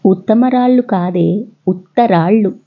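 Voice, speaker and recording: A woman's voice: mid-range voice, measured pace, husky, narrow, tinny audio. A woman voicing an exasperated young husband who grumbles at his wife.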